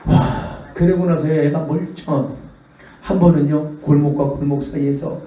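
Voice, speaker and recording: Middle-aged male pastor, lively storyteller, fairly high voice, heard from afar in a reverberant hall. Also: unhurried. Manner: animated, acts out the voices in his stories. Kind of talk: revival sermon with storytelling. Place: church sanctuary. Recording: echoey church hall, distant mic.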